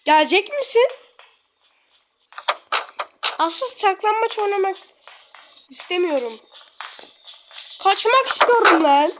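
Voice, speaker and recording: A woman giving slangy, excitable running commentary while playing a game. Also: sits high. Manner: excitable, slangy, blurting reactions. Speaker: gamer. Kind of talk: casual gameplay commentary. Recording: loud background noise.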